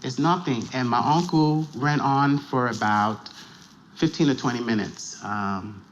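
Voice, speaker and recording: Man, documentary interview, halting and soft, many fillers, faint background hiss. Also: medium pitch, dull audio. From New York. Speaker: abuse survivor telling his story. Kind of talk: documentary interview and poem reading.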